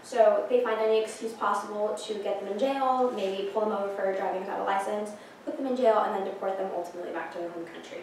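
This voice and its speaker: A woman's voice: mid-range voice, fairly even intonation, fast, darkish tone, heavy reverb, slight background noise. A young woman from Peru giving a class presentation, earnest, with frequent ums and restarts, heard from a far camera in a classroom. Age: late teens. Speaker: student presenter. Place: classroom with projector screen.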